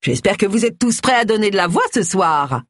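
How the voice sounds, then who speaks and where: A woman performs a loud, showy male comedian from an amateur village play, bellowing at his audience and leaping high in pitch. The voice is lively and a touch husky, recorded close and dry. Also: fairly quick, no room sound, lightly acted. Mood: rousing.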